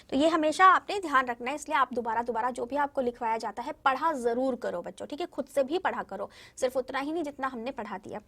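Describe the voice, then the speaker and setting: In this recorded classroom lesson, a woman with a high, fairly bright voice teaches primary school children a language lesson. She explains things patiently, one step at a time, and keeps checking that the young kids are following along.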